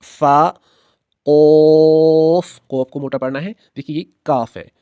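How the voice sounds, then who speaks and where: A man teaching how to pronounce Arabic letters, patient, stretching each letter slowly and checking in with the learner often. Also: mid-range voice, dry recording, narrow, tinny audio. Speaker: Quran teacher.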